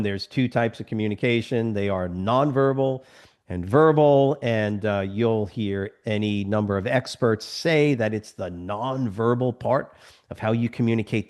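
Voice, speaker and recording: A man teaches a class over a video call and keeps checking that everyone follows. He often acts out short little scenes. His pitch jumps around a lot. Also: a little mellow. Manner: acts out little scenes with other people's voices. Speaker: instructor. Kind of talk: live online lecture.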